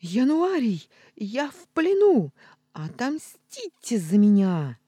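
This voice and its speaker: Reader doing a blustering talking tomcat for an audiobook, loud and drawn-out. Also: mid-range voice, sing-song, no room sound, clean studio sound. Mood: furious. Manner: loud blustering threats and complaints. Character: big fluffy tomcat, belligerent and theatrical. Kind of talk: audiobook reading.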